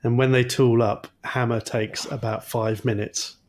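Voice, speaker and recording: A man's voice: mid-range voice, flat delivery, measured pace. Easygoing man laughing through film chat. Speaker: podcast co-host. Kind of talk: casual film discussion.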